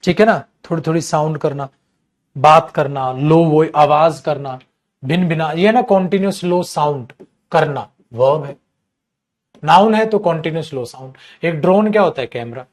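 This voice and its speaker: A middle-aged man teaching an exam-prep English lesson, calling students "beta", stretching out key words and reading sentences slowly. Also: on the high side.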